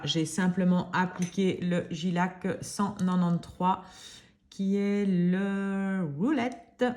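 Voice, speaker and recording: Femme lente et posée. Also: female voice, fairly low pitch. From Belgium. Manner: calm, unhurried, explains each step softly. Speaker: nail art tutorial host. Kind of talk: casual step-by-step demonstration.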